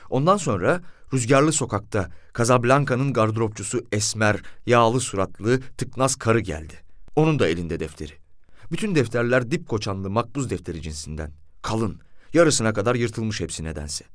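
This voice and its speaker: Brief: male audiobook narrator, lively pitch, close and dry, first-person storytelling. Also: no echo. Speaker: audiobook reader.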